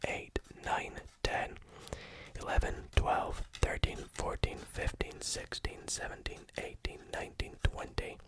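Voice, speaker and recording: A magician giving a whispered ASMR tutorial, gently explaining things step by step. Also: measured pace. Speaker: magician teaching a card trick.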